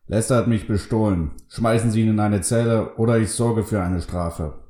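A man voicing a proud, hot-tempered shopkeeper who demands punishment in a forceful tone, in a storybook reading. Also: lowish voice, fairly even intonation, normal speed, reverberant, pitched above the performer's own voice, lightly acted. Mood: angry.

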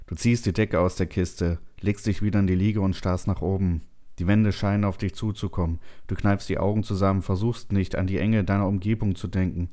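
A man narrating a second-person science fiction story in a slow, tense, measured way. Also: low-pitched, fairly even intonation, dark tone.

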